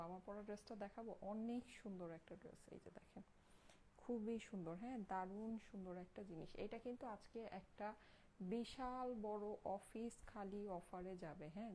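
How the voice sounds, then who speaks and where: A young woman with a Bangladeshi Bengali accent hosts a live clothing sale in a hushed voice, careful not to wake her sleeping child. Her tone is mellow and warm. She keeps repeating her praise and checking in with the listeners, over a faint background hum. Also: medium pitch, poor audio. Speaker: online clothing seller. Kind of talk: Facebook live sales pitch.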